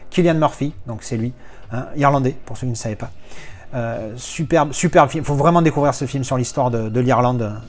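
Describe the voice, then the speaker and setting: A man's voice: medium pitch, darkish tone. A man walking through his film collection in a casual, enthusiastic, rambling way, often restarting his sentences. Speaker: video reviewer.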